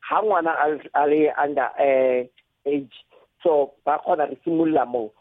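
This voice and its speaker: A man with a South African Setswana accent speaking in a radio discussion, hesitant and pausing often. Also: on the high side, fairly even intonation, no room sound. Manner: hesitant, frequent pauses. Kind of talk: radio discussion, mixing languages. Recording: narrow phone-like line.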